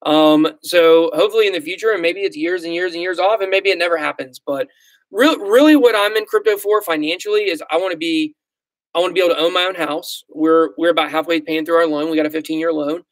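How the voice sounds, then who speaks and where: Quick-paced and a little high, the voice of this thirties-aged Southern American man comes through with no echo but poor audio quality. Hosting a casual livestream, he reads comments, rambles, jokes at his own expense, and says um and like a lot.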